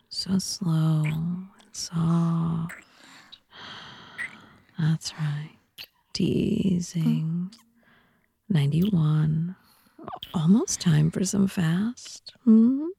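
A woman speaking slowly in a teasing, often whispered voice for an intimate audio roleplay. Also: low voice, vocal fry, warm tone, breathy edge, no echo. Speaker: audio content narrator.

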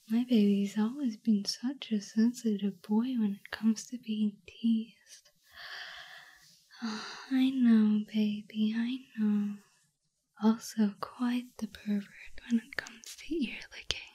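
A young woman whispering softly and teasingly into a close microphone in an intimate roleplay. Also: mid-range voice. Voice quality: breathy. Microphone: close sensitive mic.

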